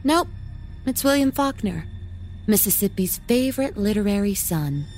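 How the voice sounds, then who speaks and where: A man's voice: high-pitched, expressive, normal speed, a little mellow, soft background music, pitched above the performer's own voice. A man voicing a protective young girl with a blunt way of talking. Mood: knowing. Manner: blunt Southern dialect.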